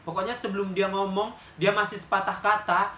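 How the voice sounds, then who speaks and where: A man with a Medan Indonesian accent telling a personal story in a blunt, animated vlog style. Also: sits high, reverberant, a little hiss or hum. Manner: animated, blunt, fast-talking, acts out quotes. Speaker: vlogger.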